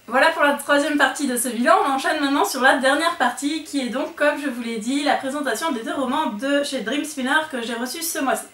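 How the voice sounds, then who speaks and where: A woman's voice: high-pitched, fairly quick, hardly any pauses, fairly bright tone. A woman chatting casually through her monthly book wrap-up video, with lots of fillers and restarts. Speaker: book vlogger. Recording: echoey room, voice a bit far from the mic.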